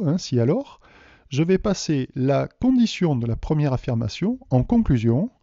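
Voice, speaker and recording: A man from France teaches a math lesson to video viewers. His voice is very dark and mellow, and his delivery is patient and explanatory as he poses questions. The recording is dry and dull. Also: mid-range voice, dry recording.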